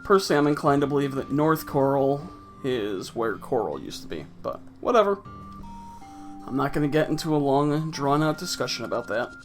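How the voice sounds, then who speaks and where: A man's voice: mid-range voice, lively intonation, normal speed, soft background music. A man casually commenting on his own gameplay with wry, offhand, sarcastic asides. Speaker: let's play host.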